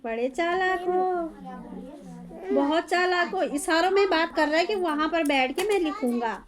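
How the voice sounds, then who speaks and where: High-voiced woman tutoring a small child. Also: moderate pace. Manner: coaxing, repeats simple questions to a young pupil. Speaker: home tuition teacher.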